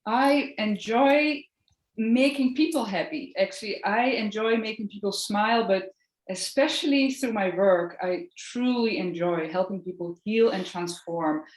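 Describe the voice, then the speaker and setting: A woman from the Netherlands with a Dutch accent, in her thirties, talking earnestly and gently as a podcast guest. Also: mid-range voice, a little slow, echoey room. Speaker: podcast guest, Reiki practitioner. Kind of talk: casual interview chat.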